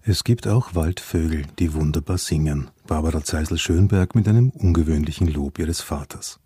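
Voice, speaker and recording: A man narrating a scripted radio feature in a measured, formal manner. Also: a bass voice, dark tone, breathy edge, dry recording.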